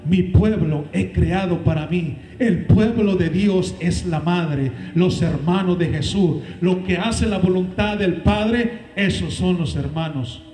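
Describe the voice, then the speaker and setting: A man preaching a sermon as pastor, with dramatic swings in pitch and loudness. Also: slow, echoey room, poor audio. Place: church.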